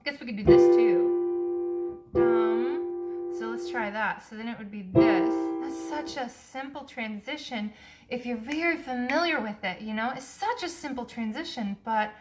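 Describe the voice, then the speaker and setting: A woman's voice: on the high side, a little slow, poor audio. A woman chatting casually and thinking aloud in a piano practice vlog, her articulation slightly impeded by dental braces. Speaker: video blogger learning jazz piano. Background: piano playing at times.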